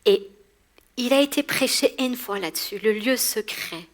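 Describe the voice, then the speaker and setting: A woman from Iran in her forties preaching a sermon in a church to a women's gathering, animated, laughing often and repeating words as she goes. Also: fairly high pitch, moderate pace. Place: church hall.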